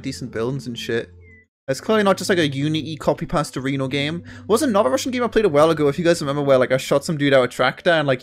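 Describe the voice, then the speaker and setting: A man's voice: mid-range voice, gravelly. A man giving rambling, profane, laid-back commentary as he plays a video game, talking into a gaming headset at home. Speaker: gaming streamer. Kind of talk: casual let's-play commentary.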